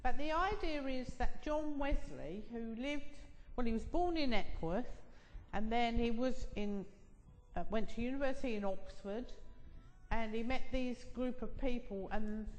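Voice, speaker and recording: A woman's voice: on the high side, measured pace, a little mellow, a little hiss or hum. A woman giving an informal talk to a church group, recorded in a reverberant hall. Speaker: co-presenter at a church gathering. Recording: echoey hall with long reverb.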